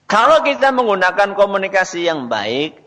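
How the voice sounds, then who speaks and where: A man's voice: sits high, big pitch swings, normal speed, pushed and bright, long reverb tail. A man giving a religious talk on parenting to an audience, asking questions and answering them himself. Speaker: religious speaker.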